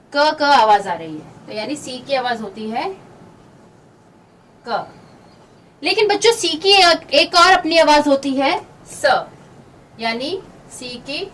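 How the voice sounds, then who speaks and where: Woman teaching kids letter sounds, drawn-out and unhurried, mic a bit far off, faint noise behind. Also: sits high, a bit bright. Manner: slow, drawn-out, patient explaining to kids. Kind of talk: phonics lesson for children.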